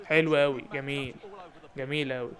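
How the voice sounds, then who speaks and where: A young man with an Egyptian Arabic accent giving joking, excited commentary on a football game and shouting at his players. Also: mid-range voice, a little fast. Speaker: gaming YouTuber.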